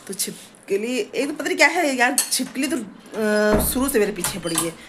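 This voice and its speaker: A woman's voice: fairly high pitch, animated, normal speed, noisy background. A middle-aged woman chatting casually in a home vlog, rambling with many fillers, recorded indoors on a phone. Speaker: family vlogger.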